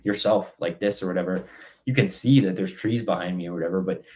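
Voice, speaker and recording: A man's voice: sits low, fast talker, a little mellow. A man hosting a casual outdoor live-stream Q&A, reading out questions and giving rambling, stop-start answers.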